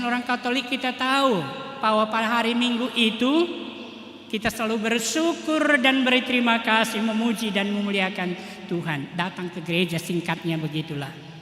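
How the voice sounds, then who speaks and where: A man's voice: high voice, fairly bright tone. Man preaching a sermon in church, emphatic, long echo, faint hiss behind. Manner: emphatic preaching, tag 'toh' often. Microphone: livestream mic in church. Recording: echoey church hall, faint noise.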